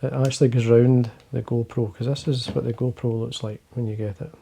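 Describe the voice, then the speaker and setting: Quiet and rambling, an older Scotsman who hosts fly-fishing videos speaks to camera indoors at his fly-tying desk, a little fast and in a steady tone. His low voice is mellow and gravelly, and he leans heavily on fillers and restarts.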